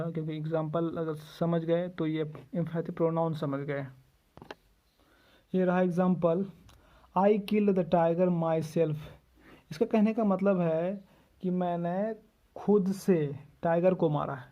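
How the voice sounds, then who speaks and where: A man teaching English grammar in Hindi, repeating each point slowly and spelling out example sentences. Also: on the high side. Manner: repetitive, drawn-out explanations. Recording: dull lo-fi recording with faint noise.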